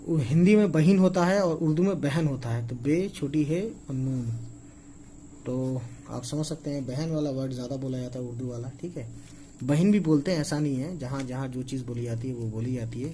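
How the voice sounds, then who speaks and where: His medium-pitched voice is dark and fairly even in intonation, captured in a poor recording with some hiss or hum. The man slowly teaches how to write words in Urdu script, spelling them aloud letter by letter and often saying "okay" in this casual lesson.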